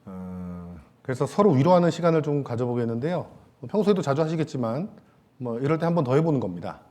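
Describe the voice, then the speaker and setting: A man preaching a Sunday sermon in a church, with a mellow, relaxed tone. He talks casually with the congregation, tosses in light jokes, and trails off into soft fillers between thoughts. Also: medium pitch, fast. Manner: casual, joking asides to the congregation; many hesitation fillers, trailing off softly. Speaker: pastor. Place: church sanctuary.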